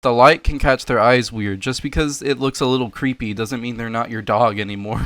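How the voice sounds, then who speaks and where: A man's voice: medium pitch, fairly even intonation, fairly quick, noisy background. A young man giving sarcastic, profane reaction commentary on paranormal videos, laughing and mocking as he goes. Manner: mocking, swears a lot, laughs at clips.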